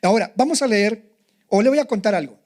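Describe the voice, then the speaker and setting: A man's voice: high voice, expressive, brisk, darkish tone. An older man, a pastor, preaching a sermon in an emphatic, confessional way.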